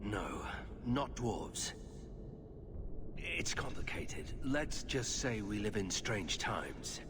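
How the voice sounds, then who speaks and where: An actor playing a grave, guarded warrior of a fantasy order in a video game, speaking in a solemn, measured way. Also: male voice, on the low side, very animated, exaggerated voice. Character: grave, guarded male Grey Warden warrior. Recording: clear background ambience noise.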